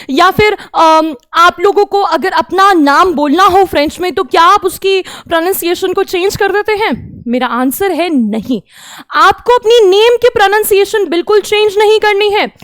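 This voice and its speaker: Woman teacher, very high voice, dry close sound, patient class explanations, slow careful example phrases. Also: no echo. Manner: explains in Hindi, reads French example phrases slowly and distinctly. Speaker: French teacher. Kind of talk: online class lecture.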